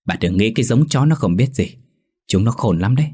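A man's voice: fairly low pitch, lively intonation, brisk, warm tone, husky. Man voicing a middle-aged father, plain and soothing. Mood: calm. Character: middle-aged village father, easygoing drinker.

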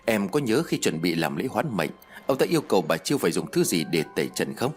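A man playing a calm, knowing older uncle figure who explains things in a steady, gently teasing way. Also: deep voice, fast, soft background music. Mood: grave.

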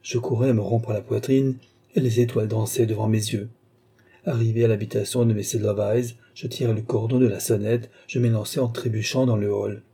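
A man reading a novel aloud as a narrator, in a measured storytelling manner. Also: lowish voice, little pitch movement, warm tone, slightly rough. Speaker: audiobook narrator. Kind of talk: scripted narration.

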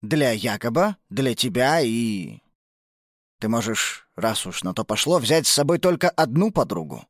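A woman voicing a grumbling, cautious father in a children's story, dropping her voice low. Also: big pitch swings, measured pace, no room sound, clean studio sound, heavily acted. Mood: stern.

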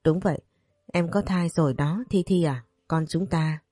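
A woman reading the lines of a caring young husband who speaks calmly and reassuringly. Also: deep voice, moderate pace, slightly rough, no room sound, studio quality. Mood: soothing.

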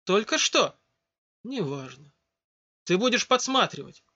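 A man's voice: sits high, very animated, a little slow, pushed and bright, voice pushed up, full character voice. A man voicing a frightened, defiant young woman in a raised, agitated tone. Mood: suspicious. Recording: dull lo-fi dry recording.

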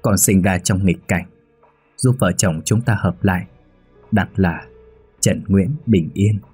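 A man's voice: deep voice, slow, dark tone, breathy edge, soft background music, full character voice. A man voicing a remorseful middle-aged male prisoner in a narrated ghost-story reading, speaking in a choked, emotional way. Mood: solemn.

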